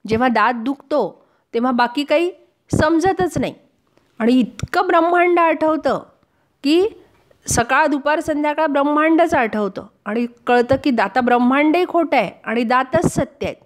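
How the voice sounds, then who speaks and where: A woman's voice: sits high, normal speed. A woman teaching a class, reading a funny passage aloud and explaining it line by line. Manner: reads a passage aloud, then explains it in plain words and acts out the dialogue. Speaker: Marathi teacher. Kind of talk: reading and explaining a humorous lesson text.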